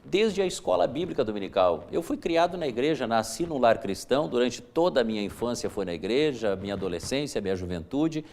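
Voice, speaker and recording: A man, his mid-pitched voice carrying a gravelly edge. He explains things in an earnest, preacherly way, as a guest pastor on a church TV program. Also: expressive, fairly quick, few pauses, darkish tone. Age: 40s. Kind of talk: televised church interview.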